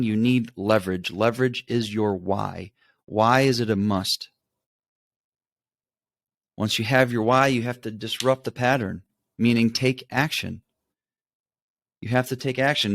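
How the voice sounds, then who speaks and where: A man's voice: mid-range voice, no echo, clean studio sound. A man coaching viewers on changing habits in a motivational teaching talk to camera, often repeating key steps and checking in with "okay" and "right.".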